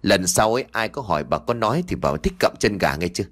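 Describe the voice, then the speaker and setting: A man's voice: lowish voice, lively intonation, quick pace, fairly bright tone, pitched below the performer's own voice. A man voicing a greedy, spiteful village daughter-in-law who nags and scolds sharply in a storybook reading. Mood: smug.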